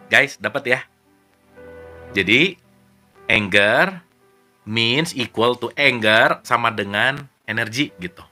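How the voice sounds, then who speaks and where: A man leading a relaxed online book study, reading passages aloud and then explaining them in a chatty, joking way while checking in with his listeners. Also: medium pitch. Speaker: study group leader. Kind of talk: casual book study talk.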